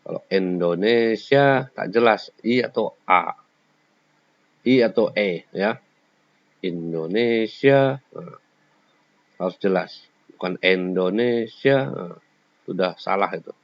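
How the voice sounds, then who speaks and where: Man, teacher, very deep voice, explains step by step, slightly muffled recording. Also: unhurried, vocal fry, pauses often, no room sound. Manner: explains step by step, sings short examples. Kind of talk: classroom lecture. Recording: slightly dull lo-fi sound.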